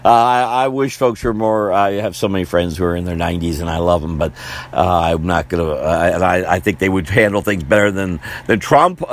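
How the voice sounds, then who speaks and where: A man's voice: on the low side, gravelly. A man hosting a podcast, rambling through casual political commentary with jokes and frequent chuckles. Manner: rambling, joking, chuckling often. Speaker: podcast host.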